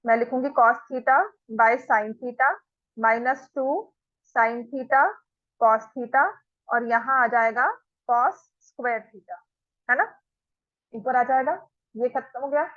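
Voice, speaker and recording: A woman's voice: on the high side, steady tone, a bit bright, no room sound, dull audio. A woman with an Indian accent teaching a maths class in a classroom, working through steps aloud in a mix of Hindi and English. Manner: dictates steps slowly, mixes Hindi and English.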